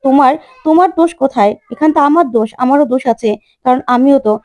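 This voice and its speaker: A woman's voice: high-pitched, quick pace, darkish tone, dry recording, lightly acted. A woman voicing a distraught, guilt-ridden mother who keeps repeating herself through tears.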